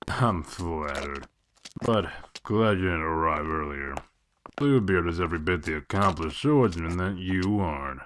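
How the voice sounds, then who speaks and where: Casting: low-voiced male actor as tough wolfish lawman for a comic dub; deadpan, commanding, bitingly dry. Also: unhurried, a little hiss or hum. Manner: sardonic, deadpan, authoritative. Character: gruff, sardonic werewolf lawman, commanding and dry. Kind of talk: dramatic comic-dub voice acting.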